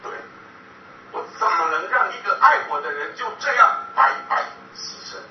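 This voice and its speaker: A man with a high voice pours out a fervent testimony to a crowd, firing one rhetorical question after another. He is heard from a distance in a large, echoing hall, and faint background noise sits under his voice. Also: lively intonation, moderate pace. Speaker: speaker giving a personal testimony. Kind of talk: impassioned public testimony speech. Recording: echoey hall from far off, dull and lo-fi.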